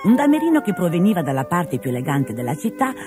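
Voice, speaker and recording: A man narrating a fairy tale in an expressive storytelling manner. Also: high voice, quick pace, music in the background.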